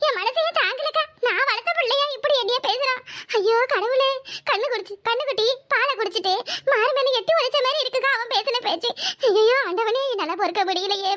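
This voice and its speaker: A woman voicing a complaining middle-aged woman, lamenting dramatically. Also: pushed and bright. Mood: wailing. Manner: dramatic lamenting, fast high chatter. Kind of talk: cartoon voice acting.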